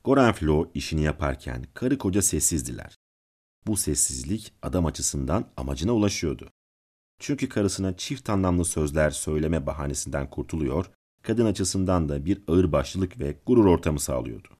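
A man reading a classic story aloud as a channel's narrator, calm and measured. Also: rumbling low, husky. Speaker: audiobook narrator and channel host.

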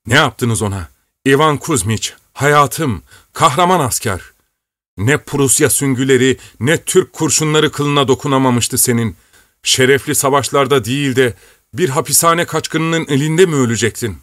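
A man's voice: medium pitch, animated, normal speed, few pauses, no room sound, clean studio sound, lightly acted. A man reading aloud voices a distraught older woman pleading and wailing over her husband. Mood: anguished.

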